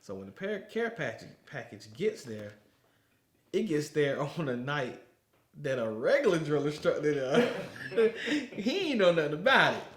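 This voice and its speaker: A former Marine, appearing as an interview guest, tells stories in a casual, animated way and laughs often. His fairly high voice swings widely in pitch at a normal speed, and the recording has a roomy echo.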